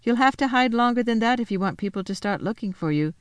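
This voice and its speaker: A woman's voice: a little high, lively intonation, fast, clear, resonant tone, no room sound, voice pushed up, natural voice. Woman reading as teasing, patronising big brother. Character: sensible, teasing, patronising older brother, a boy. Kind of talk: children's storybook read aloud.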